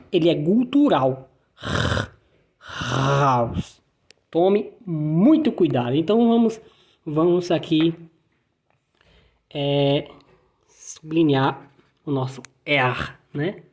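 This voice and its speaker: A Brazilian woman teaching a beginner language lesson. Her voice sits a little low, and she talks unhurriedly. She repeats sounds and letters patiently so learners can follow. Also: dark tone. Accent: Brazilian Portuguese. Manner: patient, repeats letters and words slowly for practice. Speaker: German teacher.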